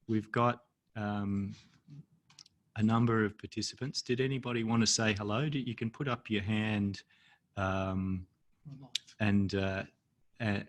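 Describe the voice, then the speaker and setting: Over a video call, a man with an Australian accent and a rather low voice hosts an online storytelling event, sounding relaxed and hesitant and pausing often.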